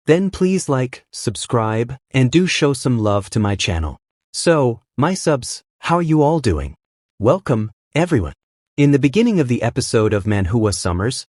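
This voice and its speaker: A man's voice: medium pitch, darkish tone, no echo, studio quality. A man narrating a manhwa recap, reading every character's lines in his own voice.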